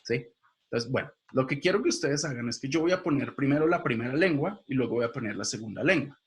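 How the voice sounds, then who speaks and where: A man's voice: medium pitch, lively intonation, fast talker. A man giving a video lecture as a linguistics teacher, explaining step by step and quizzing his viewers directly.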